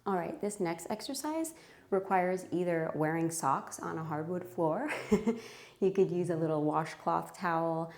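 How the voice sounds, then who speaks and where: A woman's voice: on the low side, a little slow, a little mellow, reverberant, a little hiss or hum. A woman leading a home workout, counting reps and giving encouraging cues while out of breath. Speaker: fitness instructor. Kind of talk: guided home workout instruction. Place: home room.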